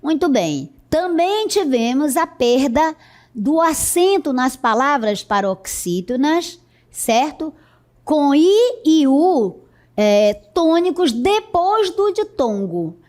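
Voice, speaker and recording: Slow, high-voiced Brazilian woman teacher. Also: sing-song, a little mellow. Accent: Brazilian Portuguese. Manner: slow, explanatory, checks in with "certo?". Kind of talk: recorded classroom lesson.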